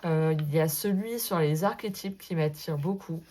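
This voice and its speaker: A woman talking casually to her viewers about her tarot cards, full of hesitant fillers and gentle asides. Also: sits low, moderate pace. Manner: hesitant, many filler euhs, gentle and self-deprecating. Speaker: sophrologist and tarot vlogger. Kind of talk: casual spoken vlog, addressing viewer as tu.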